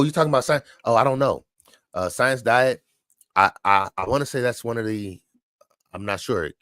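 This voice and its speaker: A man hosting a casual livestream, chatting and answering viewers' dog training questions, relaxed and repeating his points. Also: fairly low pitch, no room sound, studio quality.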